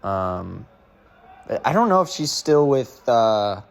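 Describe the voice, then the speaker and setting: A man's voice: medium pitch, sing-song, slow pace, vocal fry. A young man chatting casually as a running vlogger, rambling with lots of filler words and slang. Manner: rambling, full of "like" and "bro".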